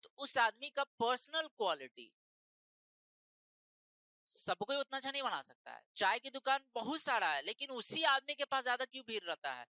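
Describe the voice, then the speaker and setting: Female tutor, exam-prep lecture, bright clear voice, dry close recording, slow over English text. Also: fairly high pitch, big pitch swings, no room sound, poor audio. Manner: explains in Hindi mixing in slow English phrases, repeats points. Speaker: teacher.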